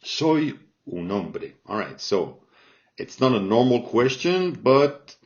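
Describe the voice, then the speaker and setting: A man teaches a grammar lesson at an unhurried, careful pace, checking in with his listeners after each point. His voice sits at an ordinary middle pitch. The recording is dull and a little lo-fi. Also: sing-song. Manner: slow, patient, checks in with "all right?" often. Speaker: Spanish teacher. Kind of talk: language lesson explaining grammar. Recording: dull lo-fi sound.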